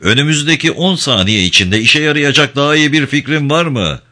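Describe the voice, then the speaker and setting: A man's voice: fairly high pitch, animated, fairly quick, pushed and bright, pitched above the performer's own voice. A man voicing a determined male rescuer who urgently directs a trapped woman.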